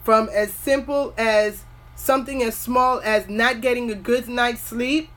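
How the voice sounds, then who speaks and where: A woman's voice: on the high side, steady tone, a little slow, a bit bright. Earnest motivational woman in her forties. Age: 40s. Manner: earnest, motivational, wanders off topic with restarts. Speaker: skincare host. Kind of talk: casual talking-to-camera advice.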